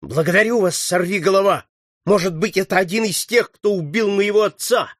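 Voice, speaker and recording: A man's voice: high-pitched, moderate pace, no echo, studio quality, voice pushed up. A man doing a fierce, vengeful young boy. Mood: eager excited. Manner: excited exclamations.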